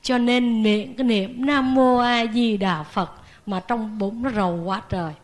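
A woman, a Buddhist nun, giving a lively sermon and asking the audience questions. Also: fairly high pitch, a little slow.

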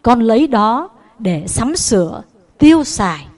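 A Buddhist nun telling a moral story to children in a sermon, animated and swinging in loudness and pitch. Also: female voice, measured pace.

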